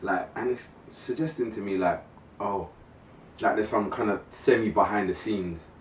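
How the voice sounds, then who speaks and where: A man with a London accent telling things in a slangy, animated way in a casual group chat. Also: fairly low pitch, moderate pace. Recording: roomy, distant mic, faint noise.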